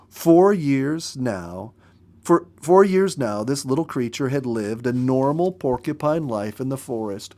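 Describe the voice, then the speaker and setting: Reading with the careful phrasing of an experienced storyteller, a man narrates in a medium-pitched voice. His delivery is deliberate and expressive, aimed at dramatic effect.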